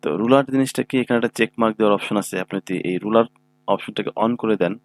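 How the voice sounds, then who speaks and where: Man teaching software, low voice with hum. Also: rapid-fire. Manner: patient step-by-step explaining, often checks "ঠিক আছে?". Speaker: computer instructor. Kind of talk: screen-recorded software tutorial. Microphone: own microphone.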